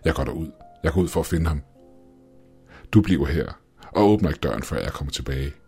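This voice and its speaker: A man's voice: very deep voice, lively intonation, vocal fry, mellow, husky, faint music behind, heavily acted. A man voicing a tense male astronaut leader giving urgent orders as his nerves fray. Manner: urgent, commanding.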